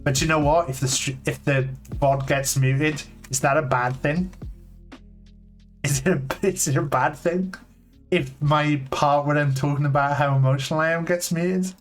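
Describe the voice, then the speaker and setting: A man in his late thirties talks live to his stream from a home desk setup. His voice is slightly high and his talk is candid and halting, full of restarts and "like." Quiet lo-fi music plays behind him. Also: steady tone. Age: 30s. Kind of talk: casual live-stream chat. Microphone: desk mic on a long cable. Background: faint lo-fi music playing.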